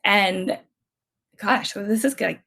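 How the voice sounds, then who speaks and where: Drawing out her words, this woman speaks in a medium-pitched voice that's gravelly, bright, forceful and slightly rough. In her thirties and from California, she's a podcast guest casually telling family stories, chatty and rambling with many restarts and fillers and easy laughs.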